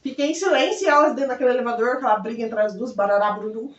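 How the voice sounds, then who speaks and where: A young woman telling a personal story in a lively way, acting out the voices of the people in it and laughing often. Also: on the high side, very fast. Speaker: vlogger. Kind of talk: casual storytelling. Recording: echoey room heard from a distance, dull sound.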